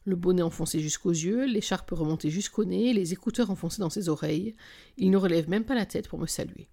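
A woman's voice: lowish voice, a little fast, gravelly, mellow. A woman reading a romance novel in the first person, with wry, intimate storytelling that sometimes drops to a whisper. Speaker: audiobook narrator.

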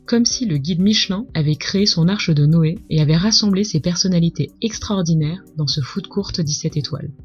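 A woman's voice: fairly low pitch, a little mellow, slightly rough, lo-fi sound. A woman with a French accent narrating a scripted story as the host of a culinary podcast. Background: music.

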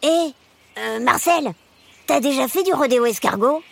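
A woman voicing a cheerful young boy hermit crab in a children's story, excited and chatty. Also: high-pitched, moderate pace, creaky, pitched above the performer's own voice, heavily acted. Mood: cheeky.

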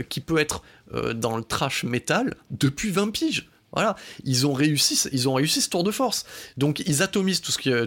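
A man hosting a podcast, giving a casual, excitable album review full of swearing, fillers and restarts. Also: on the high side.

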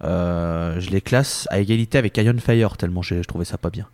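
A man's voice: sits low, brisk, a little mellow, no room sound. A man co-hosting a podcast, giving blunt, candid opinions with stumbling repeats. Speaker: podcast co-host. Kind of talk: casual podcast chat.

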